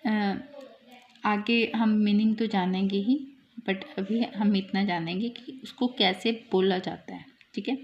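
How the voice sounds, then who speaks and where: A woman teaching German in a slow explanatory lesson, repeating and drawing out example words. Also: a little high, darkish tone. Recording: slightly dull lo-fi sound.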